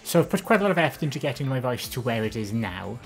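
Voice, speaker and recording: A woman with a Valleys Welsh accent chats on a live stream, answering viewers at a quick pace with big pitch swings and soft music playing behind. Her voice is soft and gentle but low and less feminine, and she meanders, full of ums and self-corrections.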